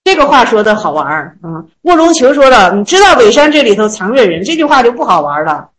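A woman teaching Zen koans to a small group. She reads the classical lines slowly, then retells them in a chatty, joking way. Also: on the high side, very animated, poor audio. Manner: slow, measured reading of classical text, then chatty colloquial retelling; laughs and jokes with listeners.

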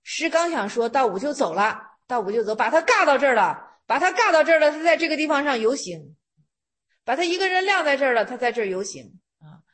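A woman's voice: sits high, expressive, a little fast, fairly bright tone. A woman giving an informal talk on Zen koans, retelling the story loosely and often repeating phrases as she explains.

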